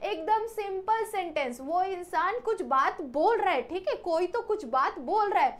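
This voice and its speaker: A woman with a high-pitched voice teaches an exam-prep grammar class. She keeps asking the class questions and answering them herself, often checking in with a quick "okay". She mixes English words into her teaching. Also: expressive.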